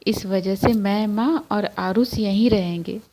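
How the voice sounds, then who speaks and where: A woman's voice: medium pitch, measured pace, dark tone. A woman voicing an easily upset young wife who speaks indignantly and pleads. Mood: apologetic.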